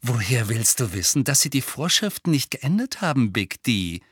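A man's voice: mid-range voice, big pitch swings, moderate pace, a bit bright, husky, no echo. A man voicing a cool, sarcastic teenage boy who mocks his cousin. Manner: dry mocking sarcasm.

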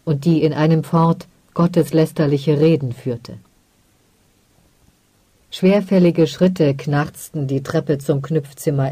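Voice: medium pitch, warm tone, dry recording. Ein ruhiger, gemessener Erzählvortrag, trocken und ganz nah am Mikrofon aufgenommen. Die Lesung bleibt gedehnt und ernst, ohne jeden Raumhall. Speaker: audiobook reader. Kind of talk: scripted narration of a literary story.

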